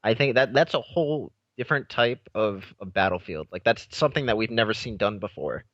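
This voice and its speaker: A young man co-hosting a gaming podcast, giving firm opinions in a casual, halting way. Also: lowish voice, expressive, a bit bright, no room sound. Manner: opinionated, many fillers and restarts. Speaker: podcast co-host. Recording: dull dry lo-fi mic.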